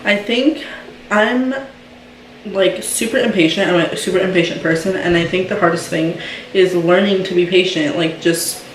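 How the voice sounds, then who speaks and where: Speaking at an ordinary pace in a lowish voice, this young adult woman rambles like a mom vlogger, leaning heavily on "um" and "like." The audio carries slight hiss or hum and a roomy, far-off quality.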